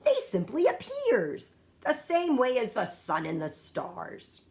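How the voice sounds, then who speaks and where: A woman voicing a very old, friendly male giant in a children's storybook, indignant and grand, with muddled grammar and emphatic drawn-out words. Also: on the high side, wildly swooping pitch, darkish tone, voice pushed up, exaggerated voice.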